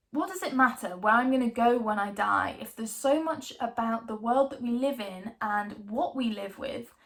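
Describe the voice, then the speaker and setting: Woman acting theatrical, slow, creaky-voiced ghost-story obsessive. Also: a little high. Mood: argumentative, musing. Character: obsessive young woman enthralled by ghost stories, defiant, wry. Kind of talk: dramatic monologue, theatrical storytelling.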